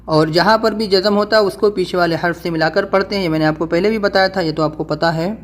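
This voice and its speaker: A man teaching a recorded Quran reading lesson, rushing through explanations and drawing out each syllable when spelling words. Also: high voice, steady tone. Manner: quick explanations, slow drawn-out syllable-by-syllable spelling.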